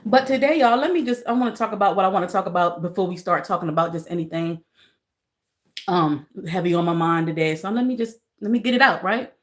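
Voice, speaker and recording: A woman's voice: mid-range voice, fast. Middle-aged woman on a live stream, greeting viewers by name and repeating herself, talking earnestly about grief. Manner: greets viewers by name, repeats phrases, warm Southern-style "y'all". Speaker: livestream host. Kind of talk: casual live-stream chat.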